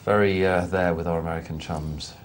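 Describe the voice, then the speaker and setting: A man's voice: sits low, fairly even intonation, brisk, a little hiss or hum. Dry-witted male poker commentator. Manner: dry self-mocking humour. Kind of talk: live poker commentary with banter.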